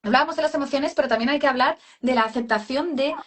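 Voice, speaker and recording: Casting: woman voice coach, fairly high pitch, patient and explanatory. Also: fast talker. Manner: explanatory, addresses listener as cariño. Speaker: speech therapist, voice feminization. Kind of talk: live video chat.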